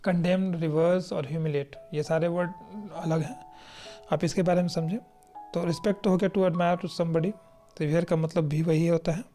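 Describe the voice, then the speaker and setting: A teacher from India gives an exam-prep vocabulary lesson. They explain each word patiently, read definitions aloud slowly and keep checking in with the class. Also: medium pitch, fairly even intonation, dark tone, faint music behind. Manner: explanatory, checks in often with "right?".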